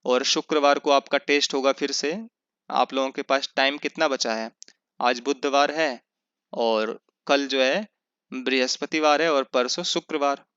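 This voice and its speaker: A man teaching an online revision lecture, explaining step by step by asking and answering his own questions and slowing down to spell out sounds. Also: medium pitch, pushed and bright, clear, resonant tone, no room sound. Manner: slows down to spell out sounds and example words. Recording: dull lo-fi sound.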